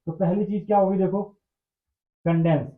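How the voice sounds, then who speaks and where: A man's voice: sits high, fairly even intonation, normal speed. A male chemistry teacher, explaining a lesson, repeating phrases and asking and answering his own questions. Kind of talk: classroom-style explanatory lecture. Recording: echoey room over tinny phone-like line.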